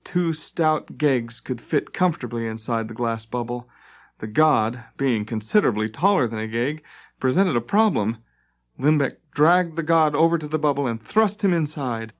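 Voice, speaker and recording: An audiobook narrator, a man with a medium-pitched, animated voice, reads scripted fantasy narration dramatically at a normal pace. The audio sounds like a dull lo-fi tape transfer.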